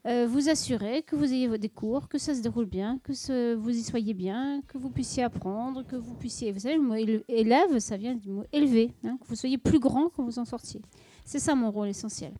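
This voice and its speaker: Calm, low-toned middle-aged woman explaining. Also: a little hiss or hum. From Paris. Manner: measured, explanatory, many hesitations. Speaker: school deputy head being interviewed. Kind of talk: casual interview answers.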